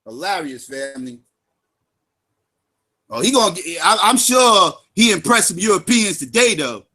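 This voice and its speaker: A man's voice: sits high, very animated, normal speed, pushed and bright. A man giving angry, profane, sarcastic commentary on a livestream.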